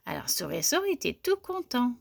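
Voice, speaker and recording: A woman reading a children's story aloud in a clear, gentle storytelling manner. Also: fairly high pitch, wildly swooping pitch, moderate pace, no room sound.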